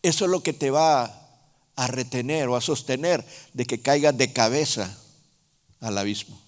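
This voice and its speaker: A man preaching a sermon in a Honduran Spanish accent, speaking slowly and emphatically, with sudden loud rises and soft drops. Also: medium pitch. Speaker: apostle preaching. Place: large church hall. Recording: reverberant church hall.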